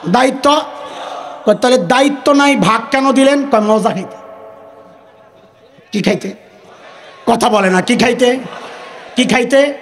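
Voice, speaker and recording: A man's voice: extremely high pitch, slight background noise. A man with a preaching a sermon, firing questions at the crowd for answers. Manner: call-and-response with the crowd, shouting questions.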